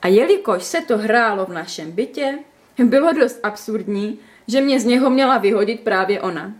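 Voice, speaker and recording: A woman narrating a storybook aloud in a playful, lively reading style. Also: fairly high pitch.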